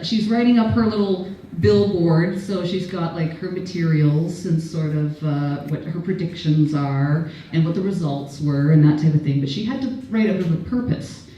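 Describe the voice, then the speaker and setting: A woman's voice: low voice, dark tone, slight background noise. A Canadian woman doing a stand-up set at an event, rambling and self-deprecating, laughing at her own jokes. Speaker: stand-up comedian. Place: event venue, audience laughter behind. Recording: echoey room from far off.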